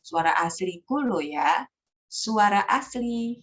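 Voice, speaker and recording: Animated woman storytelling trainer. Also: mid-range voice, takes it slowly, muffled recording, a little hiss or hum. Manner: animated, switches into character voices. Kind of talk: storytelling workshop talk.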